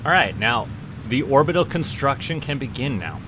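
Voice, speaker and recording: A Canadian man streaming as a VTuber speaks at normal speed in a mid-range voice with lively intonation. Over a noisy background, he chats casually with his viewers about the game, rambling and tripping over repeated words.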